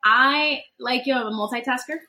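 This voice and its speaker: Woman host, friendly and chatty, higher pitch, bright tone. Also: moderate pace, a little hiss or hum. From Dominican Republic family, Caribbean. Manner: friendly, chatty, backchannels a lot. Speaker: host, coach. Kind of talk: casual interview.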